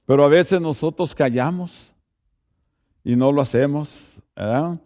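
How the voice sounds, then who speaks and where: A man's voice: a little high, unhurried, dark tone. A man, a pastor, preaching a sermon and speaking directly to the congregation, often checking in with rhetorical asides.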